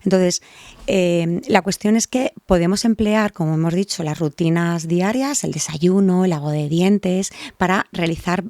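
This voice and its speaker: A woman, a guest specialist explaining child language development to parents in a podcast interview, with lively acted examples. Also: lowish voice, normal speed, dry recording.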